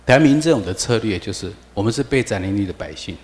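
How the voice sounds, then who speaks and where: A man's voice: fairly low pitch, animated, fast talker, a little mellow. A man with a Taiwanese Mandarin accent giving a classroom lecture, firing rhetorical questions at the class and slipping into Taiwanese. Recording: long hall reverb.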